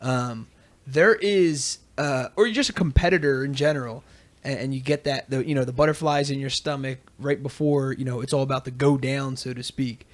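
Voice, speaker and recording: A man's voice: mid-range voice, moderate pace. A man hosting a podcast in casual chat, telling stories with energy and acting out quotes. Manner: animated storyteller, acts out quotes. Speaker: podcast host.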